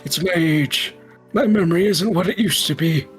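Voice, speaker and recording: A woman's voice: fairly low pitch, faint music behind, close to an everyday voice. A woman voicing a forgetful, meandering old man while reading a game's dialogue aloud. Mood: rambling. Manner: slow, meandering storyteller. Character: rambling forgetful old man, elderly sage.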